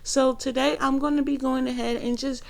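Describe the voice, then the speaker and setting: A woman's voice: sits high, flat delivery, moderate pace, vocal fry, a little mellow, echoey room, recorded from a distance. A woman hosting her channel, chatting casually to viewers in a playful, informal, slangy way. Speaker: tarot channel host.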